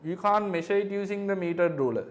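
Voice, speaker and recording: A man's voice: high voice, fast talker. A male physics tutor reviewing exam questions, working through figures step by step and checking understanding with tag questions.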